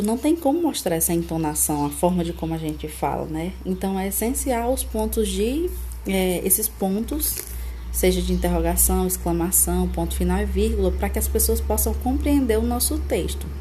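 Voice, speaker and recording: A woman from Brazil gives a recorded lesson, explaining step by step and repeating her examples. Her voice is mellow and soft-edged, with a faint hiss of noise underneath. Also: mid-range voice, expressive. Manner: explains slowly, repeating examples with tag questions. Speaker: teacher. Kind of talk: recorded online class.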